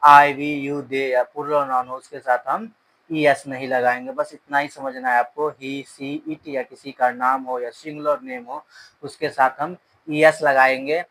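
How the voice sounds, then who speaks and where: Slow, flat-voiced male English teacher. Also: mid-range voice, rough recording. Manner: reads English words slowly, then explains in Hindi; repeats rules. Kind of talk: slow bilingual grammar lesson.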